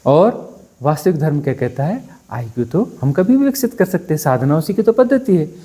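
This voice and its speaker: A spiritual teacher giving a satsang discourse, talking conversationally and bluntly, often pausing to ask his listeners for agreement. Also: a little high, very animated, warm tone. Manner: conversational, keeps asking "है ना?" for assent; blunt and dismissive, mocking.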